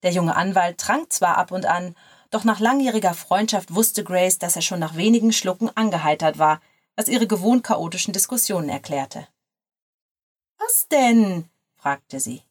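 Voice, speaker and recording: A woman's voice: fairly low pitch, moderate pace. Woman reading a story aloud. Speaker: narrator.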